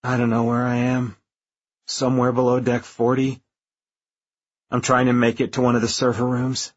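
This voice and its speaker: An actor playing a terrified young lieutenant trapped on a stricken spaceship in an audio drama, halting, shaky and despairing. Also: male voice, mid-range voice, completely flat delivery, husky, dull audio, natural voice. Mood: frightened, pleading.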